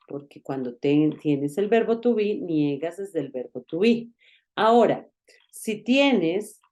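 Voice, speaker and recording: Slow, mellow-voiced woman teaching grammar. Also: lowish voice. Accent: Colombian. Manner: patient, explains slowly with many checks for understanding. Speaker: English teacher. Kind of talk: online grammar lesson.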